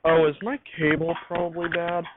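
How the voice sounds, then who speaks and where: A man with a fairly high, level voice talks at a normal speed, chatting off the cuff while he fiddles with his gear, muttering and repeating himself. He's an amateur vlogger showing off his home radio studio and troubleshooting equipment. The audio is tinny and phone-like, with hiss in the background.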